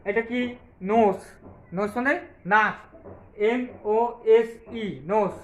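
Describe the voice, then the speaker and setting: A man with a very high voice teaches young children, spelling each word out slowly and repeating it. He asks a question and answers it himself. The room around him sounds echoey and open. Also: steady tone, lo-fi sound. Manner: spells words out letter by letter and answers his own questions; patient, repetitive, slow explaining. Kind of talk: classroom lesson for young children.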